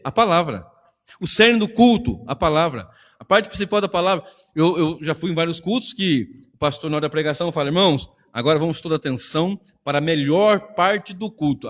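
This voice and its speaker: A man's voice: fairly high pitch, a bit bright. A man pastor with a Brazilian Portuguese accent, preaching a sermon in a church in an emphatic, conversational way full of rhetorical questions. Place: church hall. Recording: long church reverb.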